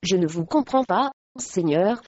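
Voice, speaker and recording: A woman's voice: mid-range voice, animated, measured pace, a little mellow, dry recording, highs cut off. A woman voicing a drowsy old monk. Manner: sleepy, bumbling.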